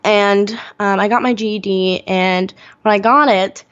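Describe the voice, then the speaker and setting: An eighteen-year-old woman telling her own story as a guest in an interview, earnest and pausing often with "um". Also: medium pitch, steady tone, a bit bright, dull audio. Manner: earnest, many "um" pauses. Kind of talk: podcast interview, personal story.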